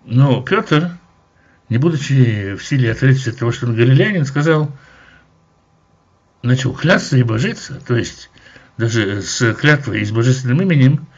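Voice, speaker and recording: In an animated, verse-by-verse Bible commentary, a male teacher explains each passage in a measured way with occasional hesitant pauses. He has a husky voice of ordinary pitch, captured in dull, lo-fi audio.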